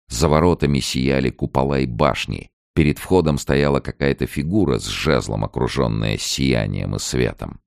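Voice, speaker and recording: Deep-voiced man narrating a story. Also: creaky, darkish tone, dry recording, studio quality. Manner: measured storytelling. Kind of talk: literary audiobook narration.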